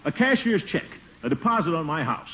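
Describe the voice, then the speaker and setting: An actor playing a blustering, excitable middle-aged neighbor in theatrical 1940s radio comedy style, easily exasperated, with sputters and chuckles. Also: male voice, a little high, a little fast. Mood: blustering, demanding. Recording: muffled, noisy old-time radio recording.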